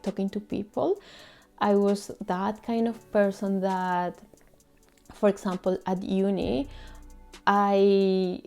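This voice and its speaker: A young Colombian woman, a vlogger, speaks English with a Colombian Spanish accent in an earnest, heartfelt personal monologue. Her mid-range voice carries vocal fry, and her delivery is soft and measured.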